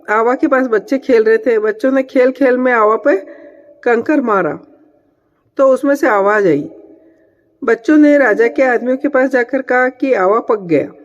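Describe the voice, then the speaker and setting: A woman narrating a devotional folk tale in a plain, steady way. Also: high voice. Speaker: storyteller. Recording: dull lo-fi sound with long reverb.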